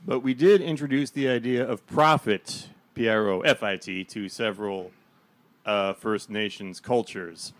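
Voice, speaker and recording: A man's voice: fairly low pitch, a little slow, fairly bright tone. A man speaking as a panelist in informal discussion, with a wry, emphatic manner. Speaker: history panelist.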